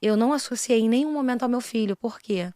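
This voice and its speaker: Woman, missionary preacher, fervent testimony, quick talker, dry close sound. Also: a little high, no room sound. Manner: earnest, swings between hushed and raised passionate delivery. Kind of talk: emotional faith testimony in a podcast interview.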